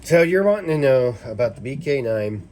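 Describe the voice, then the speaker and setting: A man reviews knives in a casual, rambling way, sounding loose and tipsy as if he has been drinking, and swearing freely. His medium-pitched, darkish voice has lively intonation at normal speed. The recording carries noticeable background noise with clicks.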